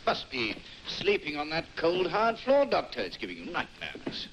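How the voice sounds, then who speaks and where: An actor playing a calm, condescending man who coldly gives orders in an old film. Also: fairly high pitch, moderate pace, slight background noise, poor audio. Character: smooth menacing man who runs the island.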